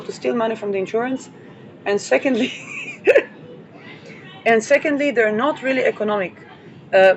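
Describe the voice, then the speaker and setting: Woman astrology host, digressive monologue, dull muffled audio, vehicle noise behind. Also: a little high. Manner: digressive, playful asides with frequent fillers.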